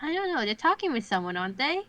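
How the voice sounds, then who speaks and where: A woman's voice: high voice, big pitch swings, fast talker, sharp tone. A woman playing a tabletop game, curious and tentative in casual chat. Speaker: player.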